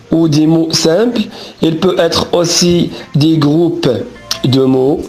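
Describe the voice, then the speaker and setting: Male teacher, unhurried and methodical, slightly high pitch, faint background music. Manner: slow and deliberate, spells out letters, corrects himself. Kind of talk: grammar lesson explaining rules.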